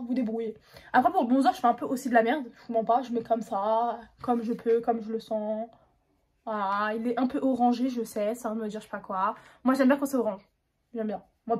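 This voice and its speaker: A woman's voice: on the high side, darkish tone, breathy edge. A young woman chatting casually through a makeup tutorial, slangy and self-mocking. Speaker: beauty vlogger.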